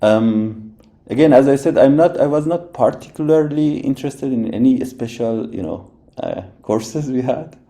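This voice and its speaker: A man's voice: mid-range voice, normal speed, mellow. A man from Iran, a robotics professor, talking through his background as a podcast guest, thoughtful and full of restarts. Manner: thoughtful, many restarts and "right?" tags. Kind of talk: casual interview talk.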